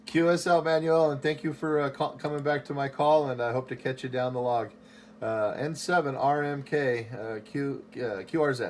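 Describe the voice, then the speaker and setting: A man at his home station working a ham radio call, calling CQ again and again and spelling call signs in phonetic alphabet. His voice sits mid-pitch, steady and repetitive, with a faint hiss of static behind him. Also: normal speed. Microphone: station microphone.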